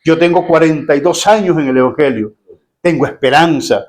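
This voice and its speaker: A middle-aged pastor preaches to his church in a relaxed, conversational way. He acts out the voices he quotes and turns to the congregation with questions. His voice sits a bit high for a man. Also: fairly quick. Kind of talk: sermon.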